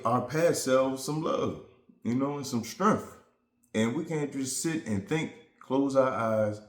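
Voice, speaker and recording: A man with a mid-range voice vents casually to his camera, reflecting on a relationship that hurt him. He rambles earnestly to his viewers, and the room echoes.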